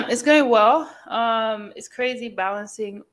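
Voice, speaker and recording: A woman's voice: on the high side, takes it slowly. A young woman co-hosting a podcast in casual chat, rambling with fillers and restarts, a bit sick and coughing. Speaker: podcast co-host.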